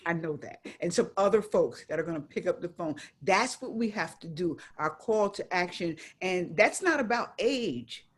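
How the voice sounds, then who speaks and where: A woman speaking on a community video call, halting and full of fillers, reading numbers out slowly and deliberately. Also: fairly low pitch, expressive, husky. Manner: slow, halting, with many fillers and restarts. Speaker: panelist.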